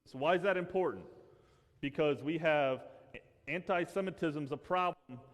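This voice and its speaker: A man's voice: fairly high pitch, normal speed, in a large hall. A man preaching a sermon to his congregation, talking casually and then building to fervent emphasis. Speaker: pastor.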